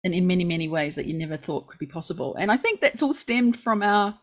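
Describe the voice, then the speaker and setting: Earnest New Zealand woman, lower voice. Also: expressive, fast talker. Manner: earnest, informative, lists facts and reports at length. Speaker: podcast co-host. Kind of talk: casual podcast chat.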